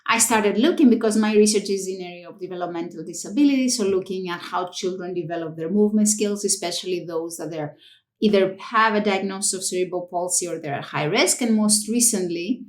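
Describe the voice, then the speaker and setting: Woman, Greek accent, interview guest, animated storytelling, echoey room. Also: fairly low pitch, brisk. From Greece. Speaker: guest researcher. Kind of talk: casual interview.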